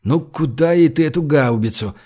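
A man's voice: a little high, moderate pace, darkish tone, slightly rough. A male narrator voicing a worried, protective man who fusses anxiously over others.

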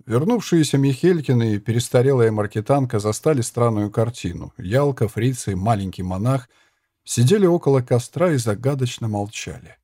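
A man reads an audiobook in a measured, even storytelling style. His medium-pitched voice is recorded in studio quality with no echo.

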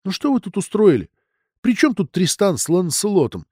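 A man voicing chattering teenage schoolgirls at a boarding school, in a raised, bright voice. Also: very animated, moderate pace, breathy edge, no echo, studio quality, exaggerated voice. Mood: girlish chatter. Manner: bright, giggly, raised pitch.

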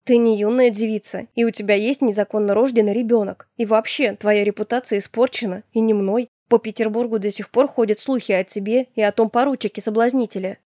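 A woman reading an audiobook, voicing a young nobleman who is a calm, evasive womanizer. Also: on the high side, a little fast, hardly any pauses, no room sound, clean studio sound, close to an everyday voice. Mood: dismissive. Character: young male nobleman, smooth cold womanizer. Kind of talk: audiobook character voice.

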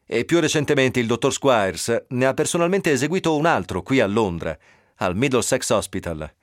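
A man reading a novel aloud on radio, voicing an earnest male doctor who explains in a measured way. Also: mid-range voice, expressive, dry recording, studio quality, close to an everyday voice.

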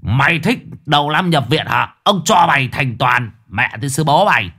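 A man voicing a loud, violent tattooed thug who shouts insults. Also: on the high side, expressive, moderate pace, pitched above the performer's own voice, full character voice. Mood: furious.

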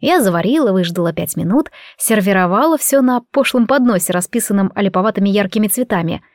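A woman's voice: medium pitch, animated, fast talker, darkish tone, no room sound. Dry, reflective woman reading a story. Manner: reflective, wry. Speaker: audiobook narrator. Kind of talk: first-person audiobook narration.

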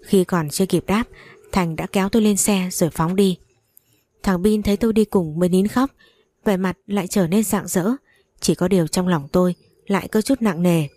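Warm woman narrating a story. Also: fairly low pitch, moderate pace, dry recording. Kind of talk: first-person audio story narration.

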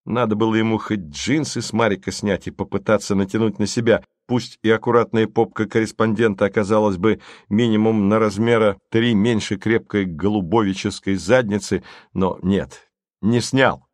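A man's voice: on the low side, fairly even intonation, normal speed, no room sound, clean studio sound. A man narrating an audiobook in a wry, mock-solemn storytelling manner. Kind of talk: scripted narration.

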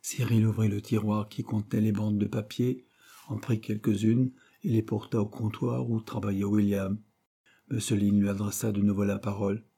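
Man narrating a novel, low pitch, very dark and husky voice, measured reading. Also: level tone. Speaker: audiobook reader. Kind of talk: audiobook narration.

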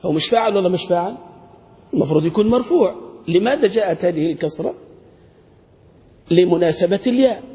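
A man's voice: sits high, darkish tone. A man, a sheikh teaching grammar in a classroom lecture, who asks questions and answers them himself and repeats key words. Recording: reverberant hall.

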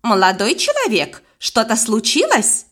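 A woman voicing a polite, gentle older male professor in an audiobook. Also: a little high, wildly swooping pitch, measured pace, full character voice.

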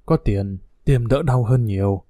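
A man's voice: medium pitch, measured pace, dark tone, no echo, studio quality, natural voice. A man voicing a frail, sick old woman in a hospital bed who speaks in a weak murmur. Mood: weary.

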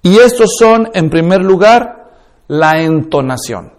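High-voiced man teaching preachers. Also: lively intonation, slow. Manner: emphatic, instructive, addresses listeners directly; demonstrates tones and speeds with his own voice. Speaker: preaching instructor. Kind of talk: course lecture on preaching.

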